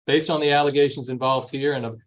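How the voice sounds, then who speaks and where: A man speaking as a judge in court proceedings, calm and firm, cutting off argument. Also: mid-range voice, quick pace, a crowd in the background, rough recording. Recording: faint courtroom background noise.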